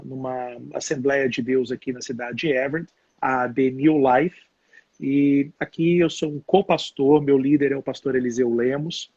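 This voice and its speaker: Mineiro pastor guy in his 40s, calm, bit husky, muffled dry call audio. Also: medium pitch, no room sound. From Brazil, Minas Gerais. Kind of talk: casual live stream conversation.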